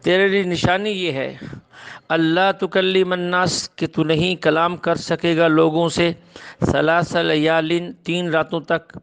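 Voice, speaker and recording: A man teaching a Quran translation lesson, reciting each phrase slowly, then explaining its meaning in plain speech. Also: on the high side, flat delivery, gravelly, fairly bright tone, clear, resonant tone. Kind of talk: word-by-word scripture translation lesson.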